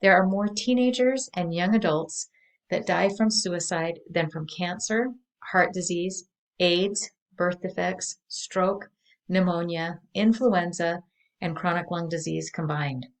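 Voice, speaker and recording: Low, gravelly-voiced woman presenter. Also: unhurried, poor audio. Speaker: workshop presenter. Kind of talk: prepared training talk.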